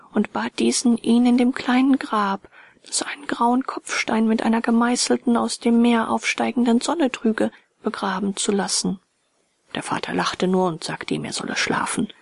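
A woman narrating a fairy tale in a soft, hushed, whispered reading. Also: medium pitch, no room sound. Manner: soft, hushed and breathy delivery.

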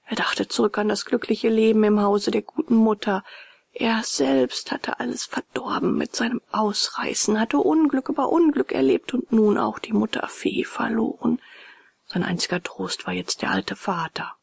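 A woman narrating a children's storybook aloud in an expressive way. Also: a little high, moderate pace, creaky, breathy edge, no room sound.

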